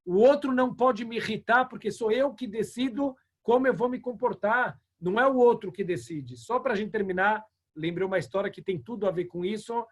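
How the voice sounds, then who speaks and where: A man teaching a religious ethics lesson over a video call, an animated storyteller who acts out the dialogue. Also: high-pitched, brisk. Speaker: rabbi teaching a class.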